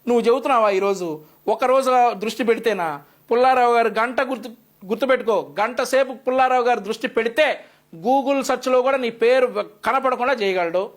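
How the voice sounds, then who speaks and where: A man's voice: very high voice, a little fast. A male news commentator delivering an opinionated, scolding rebuttal with a sarcastic edge.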